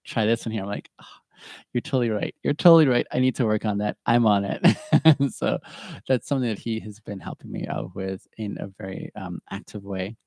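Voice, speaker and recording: A man's voice: fairly low pitch, fairly even intonation, moderate pace, vocal fry, mellow, no echo, clean studio sound. A middle-aged man hosting a podcast from home, talking in a chatty, earnest way and often laughing at himself. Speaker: podcast host. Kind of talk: casual reflective monologue.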